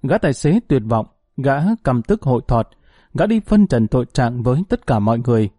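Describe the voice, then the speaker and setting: A man narrating an audiobook story in a steady storytelling manner. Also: medium pitch, brisk, no room sound, clean studio sound.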